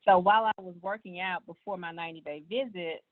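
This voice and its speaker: A woman's voice: lowish voice, fast. A woman, earnestly sharing her personal health story in casual talk. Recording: tinny, phone-like sound.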